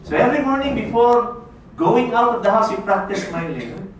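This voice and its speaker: A man's voice: high voice, expressive, normal speed. A man from the Philippines giving a playful motivational seminar talk, often asking the audience "no?" and laughing. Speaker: network marketing speaker. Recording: echoey room, voice from far off, faint hiss.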